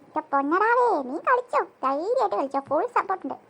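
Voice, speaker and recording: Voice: extremely high pitch, big pitch swings, fast talker, vocal fry, bright, forceful tone, heavily acted. A voice actor doing a bossy cartoon big sister. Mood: scolding. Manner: bossy and mocking, scolds and teases. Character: bossy teasing older sister girl.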